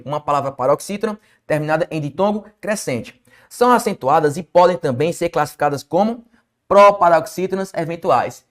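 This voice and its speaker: A man with a Brazilian Portuguese accent teaches an exam-prep lesson in a fairly high voice. He stresses key words hard and keeps posing questions that he answers himself. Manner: emphatic, asks and answers his own questions.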